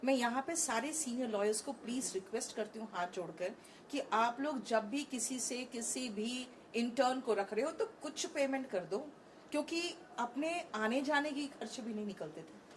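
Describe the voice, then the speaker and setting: Frank, animated woman teacher, slightly high voice. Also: moderate pace, a little hiss or hum. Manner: frank, animated, Hindi mixed with English. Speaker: online English teacher. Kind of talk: conference stage interview. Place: conference stage.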